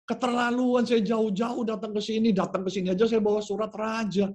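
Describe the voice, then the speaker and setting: A man's voice: medium pitch, wildly swooping pitch, normal speed, darkish tone. A man voicing a proud, offended army general who complains in a raised, indignant voice.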